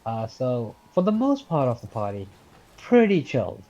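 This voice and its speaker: Rambling Scouse young man, lively pitch. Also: normal speed, highs cut off. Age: late teens. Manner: rambling, swears often, chuckles at his own story. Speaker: podcast host. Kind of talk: casual storytelling.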